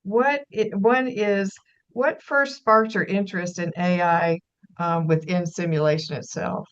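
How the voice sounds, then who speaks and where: A woman moderating a panel on a video call, welcoming the guests warmly. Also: lowish voice, steady tone, measured pace, clean tone, highs cut off. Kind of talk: hosting a panel chat.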